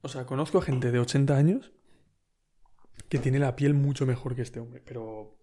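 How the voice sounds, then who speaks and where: A man's voice: mid-range voice, steady tone, normal speed, warm tone. A man with a Spain Spanish accent, telling a story in a casual, rambling podcast monologue full of slang and fillers. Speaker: podcast host.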